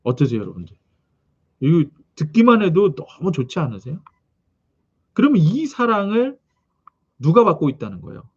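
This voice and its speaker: A man preaching a sermon, reading scripture and telling its background in an animated way, with frequent questions to the congregation. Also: high voice, moderate pace, long pauses, breathy edge, dull audio. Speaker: pastor.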